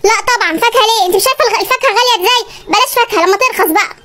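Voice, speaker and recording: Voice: very high-pitched, pushed and bright. A comic performer voicing a stingy, nagging husband with an Egyptian accent, haggling over every kilo in a sketch. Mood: scolding. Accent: Egyptian Arabic. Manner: scolding, haggling, fast-talking. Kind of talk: comedy sketch dialogue.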